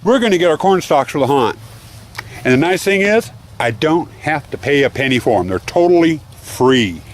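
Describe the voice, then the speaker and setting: A man's voice: a little high, very animated, moderate pace, slight background noise. A man hosting a casual vlog outdoors, chatty and laughing at his own jokes. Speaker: vlog host. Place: outdoors in a cornfield.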